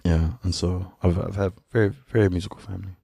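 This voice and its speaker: Here a musician guest chats on a casual podcast at a quick pace, his deep, gravelly voice captured dry and close with no echo. He's in his 30s, laid back and candid, laughing often; he was born in Sudan, grew up in New Zealand, and first spoke an Ethiopian language.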